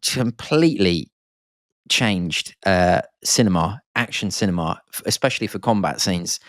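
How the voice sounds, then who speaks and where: A man's voice: low voice, animated, measured pace, fairly bright tone, no room sound, clean studio sound. A man hosting a podcast, rambling and enthusiastic, with lots of fillers and restarts. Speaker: podcast host. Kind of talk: casual podcast monologue.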